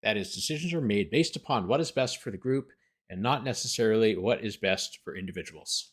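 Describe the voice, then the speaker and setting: A man serving as a lawyer host reads a document aloud in a fairly low, animated voice with a breathy edge, moving briskly. He keeps breaking off for incredulous, sarcastic commentary.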